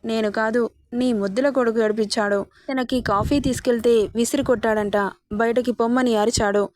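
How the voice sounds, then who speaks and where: A woman's voice: a little high, fairly even intonation, moderate pace, a little mellow, no room sound, close to an everyday voice. A woman voicing a patient, fond middle-aged mother-in-law, speaking reassuringly.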